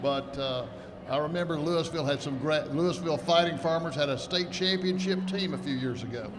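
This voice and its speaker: A man's voice: a little high, brisk. A man hosting a conference interview, chatty and joking. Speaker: host. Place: conference hall, indoors. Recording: noisy reverberant hall.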